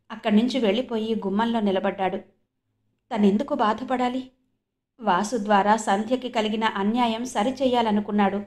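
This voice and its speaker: Woman reading a novel aloud, expressive. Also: fairly high pitch. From India. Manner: steady, expressive storytelling. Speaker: audiobook narrator.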